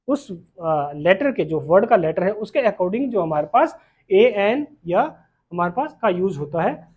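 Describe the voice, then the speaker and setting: A man's voice: sits high, a little mellow. A man with an Indian English accent teaching grammar, often repeating points and asking if students follow. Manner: repetitive, questioning, checks understanding often. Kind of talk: classroom lesson on grammar. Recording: dull lo-fi sound.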